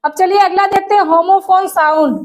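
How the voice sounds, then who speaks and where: A woman teacher with an extremely high, steady-toned voice explains an exam-prep lesson step by step. She repeats key terms, asks rhetorical questions and reads definitions aloud slowly.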